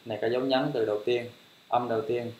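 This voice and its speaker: A man's voice: mid-range voice, steady tone, fast talker, darkish tone. A man teaching English pronunciation, repeating each word several times in a patient, encouraging way. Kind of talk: language lesson, drilling words. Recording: roomy echo.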